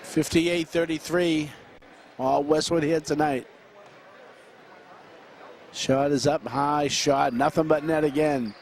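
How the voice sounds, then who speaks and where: A man calling play-by-play for a high school basketball game, running through quick action with frequent fillers and restarts. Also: fairly even intonation, creaky, slight background noise. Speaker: play-by-play announcer.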